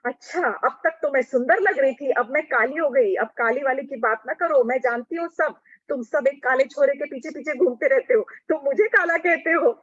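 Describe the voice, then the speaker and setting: A woman voicing Krishna disguised as a proud village goldsmith woman, sharp-tongued and huffy. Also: high-pitched, moderate pace, no room sound, voice pushed up, lightly acted. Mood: indignant. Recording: dull lo-fi recording.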